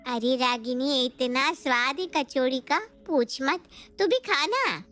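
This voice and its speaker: A woman's voice: high-pitched, takes it slowly, a bit bright. A woman voicing a chatty, greedy middle-aged neighbor in a cartoon story, teasing and gossipy.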